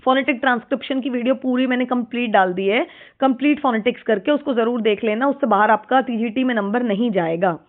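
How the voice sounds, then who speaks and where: A woman teacher goes through exam questions one by one. She reads each English question slowly and deliberately, then explains it at a brisk pace. Her fairly high voice comes through a thin, tinny phone-like recording.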